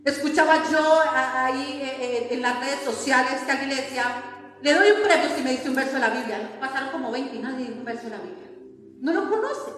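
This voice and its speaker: A woman's voice: high-pitched, fairly quick, a bit bright, faint music behind. A woman preacher, delivering a sermon and firing repeated rhetorical questions at the congregation. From Colombia. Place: church hall. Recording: echoey church hall with long reverb.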